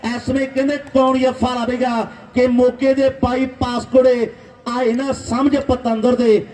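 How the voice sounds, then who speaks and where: A man's voice: very high-pitched, level tone, unhurried, a little mellow. A man makes polite live announcements at a sports event. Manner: polite, thanking and requesting. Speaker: tournament announcer and organiser. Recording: echoey outdoor PA, distant mic.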